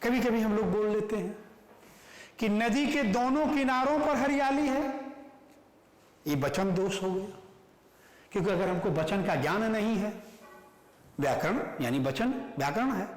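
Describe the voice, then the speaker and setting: A man teaching Hindi grammar in an online class, lively and animated, stressing words in his examples. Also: sits high, moderate pace. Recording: echoey room with long reverb.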